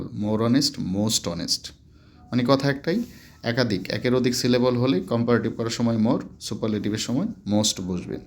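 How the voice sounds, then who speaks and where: A man teaching English grammar in Bengali, going through examples slowly and repeating each word form step by step. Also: mid-range voice. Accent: Bangladeshi Bengali. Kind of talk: explaining a lesson step by step.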